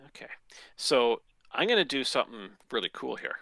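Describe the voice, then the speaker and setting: A man's voice: medium pitch, big pitch swings, normal speed, gravelly, a bit bright, no echo. A man hosting a live game stream, chatting casually and joking as he thinks aloud over his moves. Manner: playful, jokey, thinks aloud. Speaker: streaming channel host.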